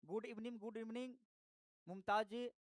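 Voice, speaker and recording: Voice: mid-range voice, fairly even intonation, moderate pace, no echo. A teacher giving a live online lesson, patiently repeating each point and addressing the students directly. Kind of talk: live online class, explaining grammar.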